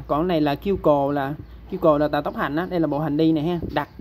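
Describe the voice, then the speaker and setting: A man's voice: on the high side, a little mellow, slight background noise. A man with a Southern Vietnamese accent teaching kanji step by step, patiently checking in with his listeners as he explains. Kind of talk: step-by-step lesson.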